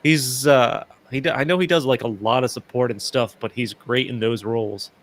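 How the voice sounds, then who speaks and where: A man's voice: medium pitch, moderate pace. A man co-hosting a casual movie review podcast, rambling with many fillers and restarts. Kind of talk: casual chat.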